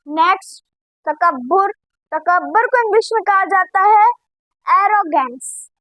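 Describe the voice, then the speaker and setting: A woman's voice: very high-pitched, expressive, a little slow, pushed and bright, dry recording, rough recording. A woman teaching English vocabulary, saying each word and then repeating it several times to drill the pronunciation.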